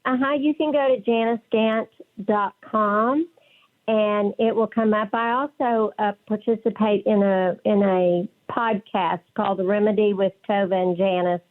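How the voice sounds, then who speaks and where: A woman's voice: mid-range voice, fairly even intonation, a little slow. A woman with a West Texas twang, speaking conversationally as a counselor being interviewed on the radio. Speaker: interview guest, licensed professional counselor. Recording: phone-like narrow band.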